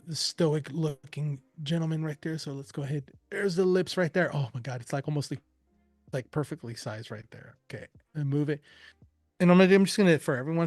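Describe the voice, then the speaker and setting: A man presenting a live software demo, chatty and enthusiastic, rambling with fillers. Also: medium pitch, no room sound.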